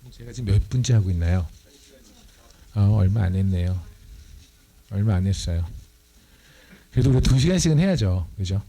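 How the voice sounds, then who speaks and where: A man's voice: fairly low pitch, expressive, moderate pace, long pauses, warm tone. Man preaching, playful and teasing. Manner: playful, teasing the audience, acts out voices. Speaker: missionary preacher. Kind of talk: lively Bible study sermon. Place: church.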